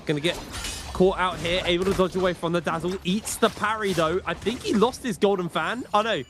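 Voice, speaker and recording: Guy casting a game tournament, chatty play by play, voice a bit high, clear noise in the background. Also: fairly quick. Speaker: esports commentator. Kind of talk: live gaming commentary with casual chat.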